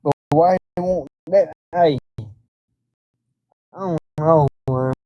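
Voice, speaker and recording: A man's voice: a little high, slow pace, dark tone, no echo. A man hosting a casual livestream, talking in a laid-back, slangy way as he directs his chat. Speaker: livestream host.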